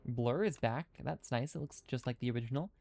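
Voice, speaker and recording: A man streams a video game live, thinking his moves through out loud, chatting with viewers and reading their comments, his speech slightly hindered by dental retainers. His voice is medium-pitched, a little fast, creaky and a little mellow. It's casual live-stream commentary.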